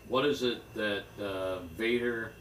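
A man of middling pitch speaking very slowly, teasing his co-hosts with leading questions. He is far off the mic in a roomy, echoing space with faint noise. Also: fairly bright tone. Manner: slow, teasing quiz-like questions. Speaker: podcast co-host. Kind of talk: casual chat. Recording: echoey room, distant mic.

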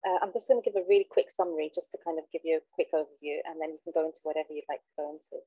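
Nervous woman, lowish voice, dull audio. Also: rapid-fire, mellow, slightly rough, no room sound. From London, England. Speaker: podcast guest, trainee counsellor. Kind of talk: casual personal storytelling in interview. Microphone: handheld mic on remote call.

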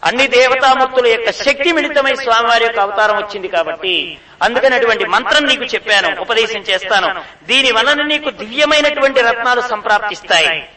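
A man giving a devotional discourse, telling stories with animated acted-out speech and repeating phrases for emphasis. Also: extremely high pitch, fairly quick. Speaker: spiritual speaker. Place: ashram hall. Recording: echoey room, voice from far off.

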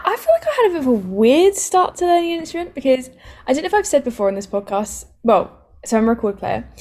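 Woman co-host, a bit high-pitched, lively casual storyteller. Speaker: podcast co-host. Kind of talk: casual chat.

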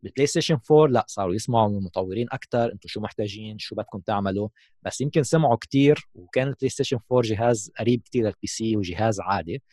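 A man's voice: mid-range voice, racing, few pauses, warm tone, no room sound, studio quality. A man with a Levantine Arabic accent giving a casual explanatory tech talk as a gaming host, mixing in English terms.

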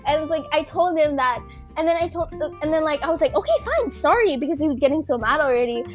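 A young woman with a Filipino accent telling a story in a casual chat, animated and acting out what other people said. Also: sits high, quick pace, soft background music. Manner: animated, acts out quoted people, many fillers.

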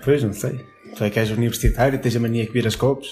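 A man's voice: medium pitch, fairly even intonation, quick pace, a little mellow, faint music behind. A young man with a European Portuguese accent, telling a story in casual podcast chat, laughing often and swearing freely. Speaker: podcast co-host.

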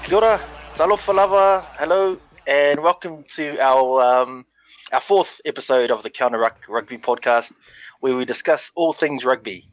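A man hosting a casual rugby podcast in a matey, relaxed way. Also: mid-range voice, moderate pace, dry recording. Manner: relaxed, matey, calls guests brother. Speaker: podcast host. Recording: dull lo-fi audio.

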